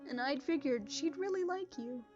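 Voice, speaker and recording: A woman playing a calm, kindly pony princess and mentor in a fan-made cartoon audio drama, speaking gently on a lo-fi recording. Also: sits high, soft background music. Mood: warmly formal. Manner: gentle, unhurried.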